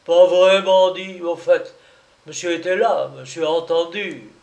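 A man voicing a big, irascible gentleman who blusters and bullies. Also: high voice, fairly even intonation, measured pace, gravelly, reverberant, far from the mic, voice pushed up. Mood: furious. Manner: blustering, bullying. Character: big burly irascible gentleman, brutal and triumphant.

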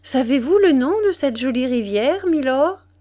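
A woman reading aloud, voicing a lively young noblewoman who exclaims with delight. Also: sits high, moderate pace, voice pushed up. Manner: rapturous exclamations. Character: young noblewoman, lively, enchanted, newly healthy. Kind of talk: audiobook reading.

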